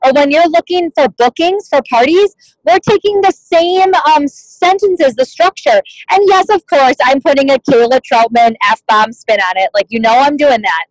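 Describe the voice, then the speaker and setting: A woman's voice: high-pitched, moderate pace, no room sound, low-quality recording. A woman leading a team meeting over a video call, talking in a chatty, casual way full of "like" and "you guys". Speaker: team leader at a sales meeting. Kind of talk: motivational team meeting talk.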